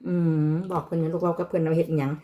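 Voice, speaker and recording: With a fairly low, dark voice and fairly even intonation, this mother races through her words amid slight background noise. A vlogger with an Isan (Northeastern Thai) accent, she chats casually while cooking in her home kitchen, moving between Isan and Thai with her child.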